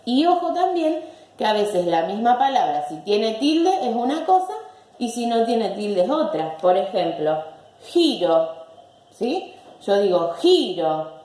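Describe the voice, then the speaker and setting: Slow, patient woman teaching in an echoey room. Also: on the high side, very animated, mellow. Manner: patient, slow, repeats words syllable by syllable. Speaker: language teacher. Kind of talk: recorded online lesson.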